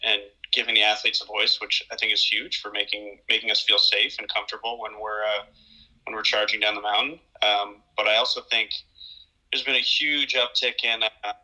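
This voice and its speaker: A man in his thirties, a pro ski racer, telling stories in a relaxed casual way on a home video call, often repeating words. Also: lowish voice, brisk, poor audio. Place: small room at home. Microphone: video call webcam.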